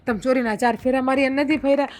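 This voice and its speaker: An actress with a Kathiawadi Gujarati accent playing a sharp-tongued, bossy young village wife who scolds her husband. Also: high-pitched, fairly even intonation, soft background music, lightly acted. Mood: sulky. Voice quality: quick, scolding, then sugary to her husband. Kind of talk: Gujarati family drama acting.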